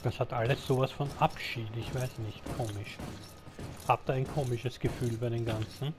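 A man's voice: mid-range voice, fairly even intonation, normal speed. A man giving casual let's play commentary, answering the game characters as he plays. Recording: background game noise. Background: game sound.

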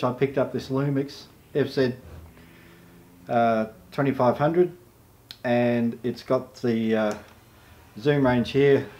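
A middle-aged Australian photojournalist talking casually to camera, relaxed and rambling, with frequent filler sounds. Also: male voice, medium pitch. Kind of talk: casual vlog talk to camera.

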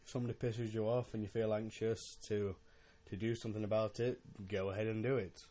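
Slightly drunk, low-voiced young man rambling. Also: little pitch movement, mellow. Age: young adult. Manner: halting, rambling, with repeated words and swearing. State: a little drunk. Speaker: podcast host. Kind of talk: casual rambling monologue.

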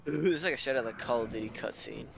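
A young man chatting casually while playing a co-op game, excitable and prone to loud yelps when startled. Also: medium pitch, vocal fry, breathy edge. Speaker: co-op gamer. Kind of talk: casual gaming chat.

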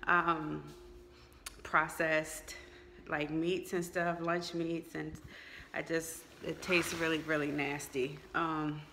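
A woman's voice: deep voice, flat delivery, takes it slowly, sharp tone, roomy sound, slight background noise. A woman giving a candid update vlog, hesitant with many fillers and eating while she talks. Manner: eating and chewing while talking. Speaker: vlogger.

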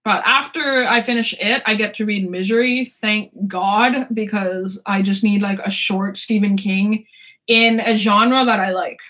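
Unhurried and steady, her medium-pitched voice carries a fairly bright tone. The speaker, a book vlogger in her twenties with a sore throat, talks casually about books, rambling, laughing and cursing without restraint.

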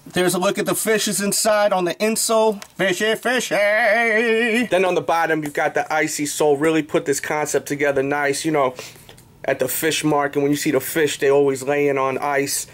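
This sneaker review show host, an American in his thirties, keeps the product talk casual with hype-man slang and catchphrases. He's recorded in a small indoor room a few steps from the camera, his voice on the high side, with little pitch movement and a moderate pace.

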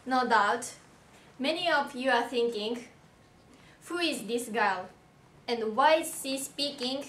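Teen girl, reading her grad speech slow and careful, echoey hall, faint room hum. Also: fairly high pitch, a bit bright. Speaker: commencement speaker. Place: indoor hall with a lectern. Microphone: far camera. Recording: roomy hall sound from far off.

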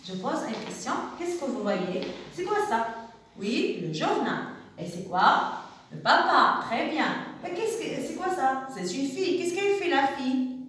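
A woman teaching kindergarten children, speaking slowly and patiently and repeating her questions. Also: high voice, lively intonation, a bit bright, slight background noise. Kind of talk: teaching a class of young children. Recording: echoey room recorded from far off.

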